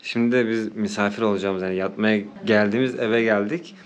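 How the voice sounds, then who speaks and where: A man's voice: lowish voice, fairly even intonation, fairly quick, lo-fi sound. A man from Turkey hosting a travel vlog in casual, chatty, familiar talk. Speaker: travel vlogger host.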